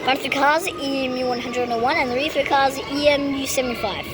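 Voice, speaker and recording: A woman's voice: fairly even intonation, brisk. A woman giving matter-of-fact live trainspotting commentary on a handheld phone at an outdoor station. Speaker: trainspotting vlogger. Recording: noisy outdoor phone recording, train rumble. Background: trains and station ambience.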